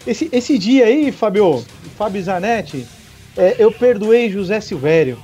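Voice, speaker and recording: A man's voice: high-pitched, expressive, measured pace, mellow, highs cut off, faint music behind. A middle-aged man with a Brazilian accent chatting casually about football.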